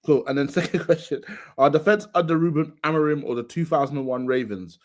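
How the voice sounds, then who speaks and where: A young man hosts a football podcast and reads listener questions in an easygoing way. His voice sits a little high. He moves between the questions and light joking with his co-hosts. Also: fast talker. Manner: laid-back, reads out questions then jokes around. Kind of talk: casual chat.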